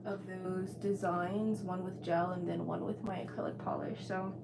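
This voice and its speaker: A woman's voice: fairly low pitch, little pitch movement, normal speed. A woman chatting casually as a nail technician giving a live tutorial. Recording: clearly noisy background.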